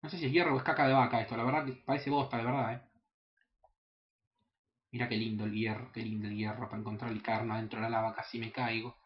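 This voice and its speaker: A young man with a Rioplatense Spanish accent giving casual, excitable, profanity-laden commentary while playing a video game, sometimes breaking into high yelps. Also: quick pace, muffled recording, a little hiss or hum. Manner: excitable, swears often, jumps into high yelps. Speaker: gaming channel host. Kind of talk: casual let's play commentary.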